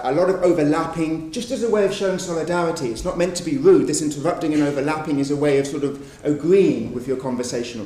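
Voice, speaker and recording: A man's voice: fairly high pitch, warm tone. A man giving a conference research presentation, explaining examples patiently and often hedging with "sort of". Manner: explanatory, frequent "sort of" hedges. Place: conference room. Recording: echoey room, mic far off, faint noise.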